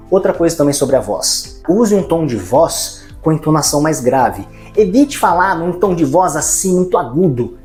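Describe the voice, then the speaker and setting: A man's voice: on the high side, a little mellow. A man teaching an online course lesson, colloquial and demonstrative, talking straight to the viewer. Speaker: course instructor.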